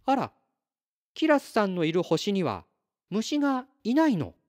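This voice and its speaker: A bright, eager little girl chatters in a high, swooping voice, her words drawn out slowly. A man puts her on in a storybook read-aloud. She sounds breathless with wonder. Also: dry recording, studio quality, exaggerated voice. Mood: gentle. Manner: pleading and excited, high and lively.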